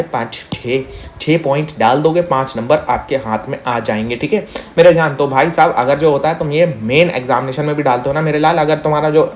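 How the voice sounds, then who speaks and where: Young man, slightly high voice, quick friendly exam-prep tutor who mixes English into Hindi. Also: a little hiss or hum. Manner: chatty, calls students "meri jaan" and "bhaiya", mixes English; talks fast on purpose. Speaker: teacher. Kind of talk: fast exam-revision lesson.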